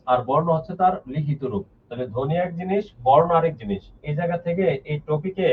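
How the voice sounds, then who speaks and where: A man's voice: on the high side, a little hiss or hum. Male teacher, live online lesson, patient step-by-step explainer, heard distant from the mic. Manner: explains step by step, repeats key points, reads out viewers' names. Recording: lo-fi phone-like sound from off the mic.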